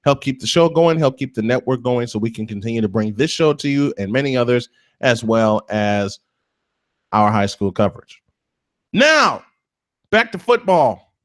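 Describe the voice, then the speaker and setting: A man hosting a live morning sports talk show, reading sponsor spots and chatting excitably while fumbling with his setup. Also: medium pitch, normal speed.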